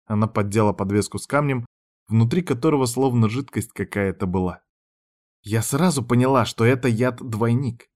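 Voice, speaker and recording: A man narrating an audiobook in an even, measured reading voice. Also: medium pitch.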